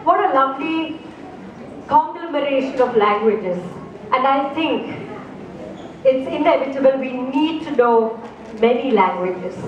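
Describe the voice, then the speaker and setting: On the stage of a festival opening ceremony, an Indian woman tells a story live, her high voice slow and expressive as she poses questions to the audience. The lo-fi recording places her far from the mic in an echoey hall with noise around her.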